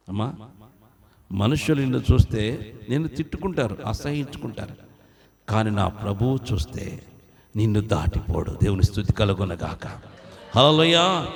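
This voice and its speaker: Fervent preacher with wide pitch swings. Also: male voice, darkish tone. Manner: fervent, calls out hallelujahs, questions the congregation. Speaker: pastor. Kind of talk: sermon.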